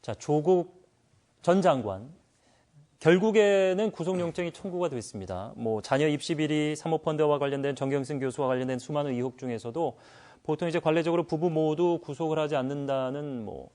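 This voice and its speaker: A man hosting a political panel discussion, speaking in a measured way with hesitant fillers. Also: on the high side, mellow. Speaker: talk show host.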